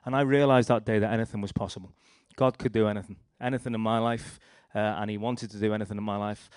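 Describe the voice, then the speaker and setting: A man's voice: fairly low pitch, fairly even intonation, fast talker, darkish tone, clear, resonant tone, no room sound, clean studio sound. A young man with a Liverpool accent giving a rambling personal testimony, telling his story with restarts and acted-out quotes. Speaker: speaker sharing a testimony.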